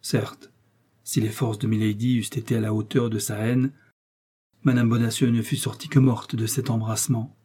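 Brief: male audiobook narrator, measured delivery, warm dark tone. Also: fairly low pitch, little pitch movement, slightly rough. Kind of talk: classic novel reading.

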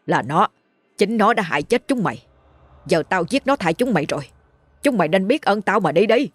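A woman voicing a crazed, murderous old village man who shouts and rants. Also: medium pitch, big pitch swings, fairly quick, no room sound. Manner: shouting, ranting.

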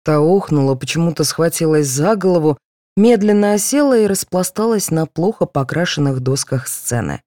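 A woman narrates a story in a fairly low voice full of rising and falling pitch. The sound is dry and close, with no room echo. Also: moderate pace. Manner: expressive storytelling. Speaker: audiobook narrator. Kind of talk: scripted narration.

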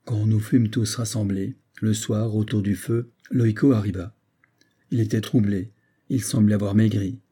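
A man reads a classic tale aloud in a measured, even way. His voice is low, dark and husky, with little brightness. It sounds like a spoken audiobook. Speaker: reader. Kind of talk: audiobook narration.

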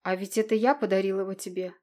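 A desperate young prince pours out his hurt in an emotional, pleading way, as a woman reader gives him voice. The tone stays in a middle register, with no deep change from the reader's own voice. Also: steady tone, fast talker, darkish tone, close to an everyday voice. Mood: anguished.

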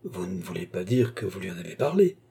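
A man reading aloud, voicing an earnest, sulky young gentleman in a dark, husky voice. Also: low-pitched, sing-song, brisk, voice pushed down, exaggerated voice. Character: young gloomy, impulsive gentleman in love.

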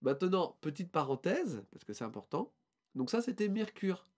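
A man's voice: high-pitched, big pitch swings, moderate pace, a little mellow. A man co-hosting a casual podcast, presenting a band in a rambling, hesitant way with many fillers and restarts.

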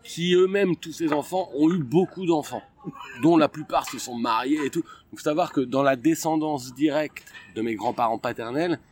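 A comedian from Picardy in casual conversation, rambling through a story with joking asides. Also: male voice, fairly high pitch, moderate pace, darkish tone. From France, Picardy. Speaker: guest comedian. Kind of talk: casual interview chat.

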